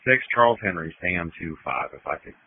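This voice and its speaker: A deep-voiced man heard through a police radio transmission, his clipped calls squeezed into a narrow, phone-like band. The sound is close and dry, with no room around it. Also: lively intonation, fairly quick, slightly rough, no room sound.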